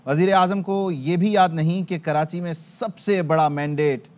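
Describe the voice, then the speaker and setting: A male news anchor reading a television bulletin in a crisp, formal manner. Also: a little high, steady tone, measured pace, a little mellow.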